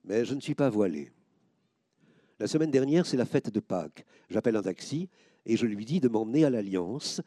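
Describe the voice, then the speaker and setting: A man reading first-person stories aloud, expressive, lifting his voice sharply when he quotes the people in them. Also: mid-range voice, normal speed, no room sound, clean studio sound. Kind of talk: scripted narration.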